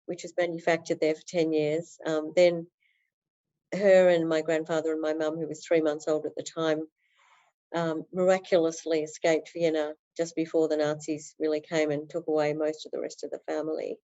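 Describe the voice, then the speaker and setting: A woman's voice: low-pitched, little pitch movement, moderate pace, dark tone, highs cut off. A woman talking earnestly as a podcast guest in a flowing interview, with many fillers. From Australia. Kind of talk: interview conversation.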